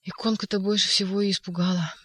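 A reader voicing an agitated young male poet in an audiobook, shouting insistent outbursts. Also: mid-range voice, flat delivery, fast talker, husky, no echo, clean studio sound. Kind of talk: audiobook character voice.

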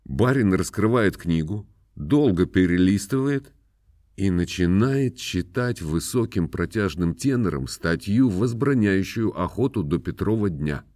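Low-voiced man reading a story. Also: lively intonation, unhurried, a little mellow, no room sound, clean studio sound. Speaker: reader. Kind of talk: reading a classic short story aloud.

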